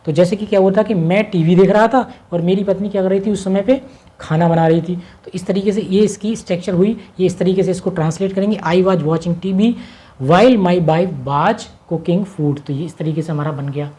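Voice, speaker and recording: A woman teaching an English grammar lesson in Hindi. She asks herself questions and answers them, and she slows right down to dictate each English sentence word by word. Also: lowish voice, dark tone.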